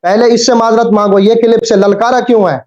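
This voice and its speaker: A high-voiced man argues over a dull, lo-fi video call line. He is insistent and interrupts often, pushing to finish his point in a heated debate. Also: steady tone, a little mellow. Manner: insistent, interrupting, demanding to be heard. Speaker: caller debating the host. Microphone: video call microphone.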